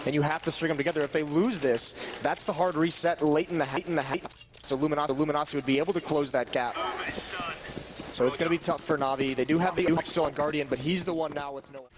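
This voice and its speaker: A man's voice: on the high side, fairly even intonation, fast talker. A man giving analytical colour commentary as an esports co-caster, explaining emphatically. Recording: clear background noise behind voice.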